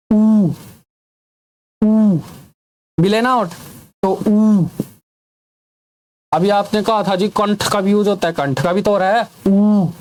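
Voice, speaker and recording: Playful man drilling a grammar class. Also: high voice. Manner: drills students with repeated sounds and call-and-response questions; jokey teasing asides. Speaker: teacher.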